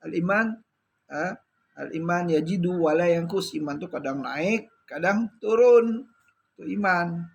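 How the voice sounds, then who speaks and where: A man preaching a sermon, telling stories with lively drama and dropping short "ya" tags between phrases. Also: a little high, normal speed, gravelly, husky. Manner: lively storyteller, acting out the characters he tells about.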